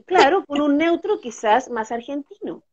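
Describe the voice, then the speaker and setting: A woman's voice: high-pitched, lively intonation, normal speed. A Chilean woman, a dubbing actress and teacher, explaining her craft in an interview, often checking in with her listener. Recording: dull lo-fi audio.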